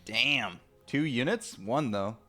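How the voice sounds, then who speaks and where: Brief: young male esports caster, lively swooping pitch, excitable, laughs often, addresses chat. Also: takes it slowly, soft background music. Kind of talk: live game commentary.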